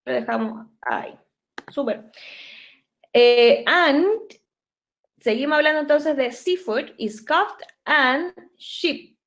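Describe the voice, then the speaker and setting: A woman's voice: high-pitched, slow, pauses often. A young woman with a Chilean Spanish accent teaching English grammar in an online class, patient and explanatory, checking often for understanding.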